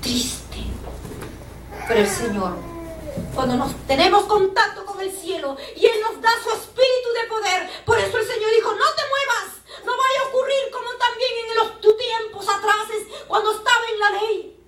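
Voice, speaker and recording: A woman's voice: very high-pitched, normal speed, fairly bright tone. A woman preacher giving an impassioned sermon, often calling out to her listeners as brothers. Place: church hall. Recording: echoey church from far off, faint ambience.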